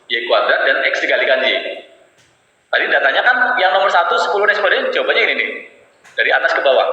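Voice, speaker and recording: A man's voice: medium pitch, bright, forceful tone, slight background noise. A male university statistics lecturer, giving a classroom lecture and explaining step by step with everyday examples. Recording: echoey classroom, dull sound.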